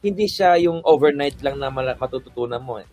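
A photographer appears as a guest on a casual podcast, telling relaxed stories from his work and slipping freely into English. His voice is medium-pitched and a little fast, with soft background music.

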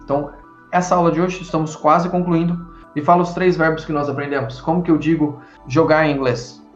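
A man's voice: fairly high pitch, steady tone, fairly quick, roomy sound, muffled recording, soft background music. A Portuguese-speaking man teaching an English lesson, running repetition drills and praising his student often.

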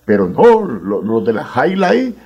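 A man's voice: mid-range voice, wildly swooping pitch, unhurried, warm tone, slightly rough. A Colombian man hosting a radio talk show, speaking in an emphatic, declamatory way. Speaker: radio host. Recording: dull lo-fi radio sound.

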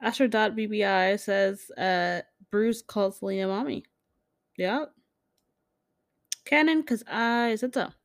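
A woman's voice: mid-range voice, slow pace, pauses often, no room sound, clean studio sound. A woman hosting a podcast, reading fan comments in a loose, casual chat, swearing freely and laughing often. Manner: acts out quoted characters in jumped-up voices. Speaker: podcast host.

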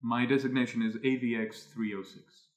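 A man, the game master, voicing a tall, faceless, literal-minded robot construct with a metallic voice and a flat manner. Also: medium pitch, normal speed, reverberant, lightly acted. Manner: flat, literal, asks for definitions.

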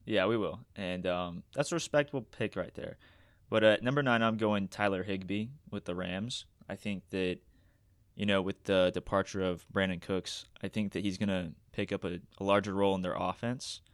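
A man with a deep, smooth voice co-hosts a sports countdown of top ten picks. He talks casually and with slang, offering opinions on each choice. The sound is dry and free of room echo. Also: steady tone, moderate pace. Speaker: fantasy football podcast co-host.

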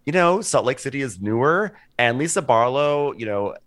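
A man's voice: medium pitch, expressive, normal speed, a bit bright, dry recording. A man co-hosting a podcast in casual chat, talking loosely with lots of "like" and "sort of" and acting out quotes. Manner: chatty, heavy on "like" and "sort of", acts out quotes. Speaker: podcast co-host.

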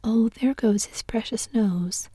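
A woman's voice: on the high side, slow pace, dark tone, breathy edge, no echo, pitched above the performer's own voice. A woman whispering the lines of a polite, curious young girl in a storybook. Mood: earnest. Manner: polite and earnest.

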